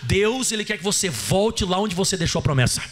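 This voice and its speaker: A man's voice: sits high, expressive, brisk. A Brazilian man preaching a sermon as pastor, rising and dropping dramatically and acting out quoted voices. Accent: Brazilian Portuguese. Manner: preaching with dramatic rises and drops, acting out God's voice.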